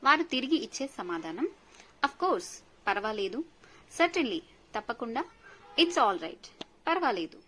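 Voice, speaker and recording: A woman teaching polite English phrases, reading each one slowly and then giving the translation quickly. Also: a little high, very animated, music in the background, poor audio. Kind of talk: slow phrase-by-phrase language lesson.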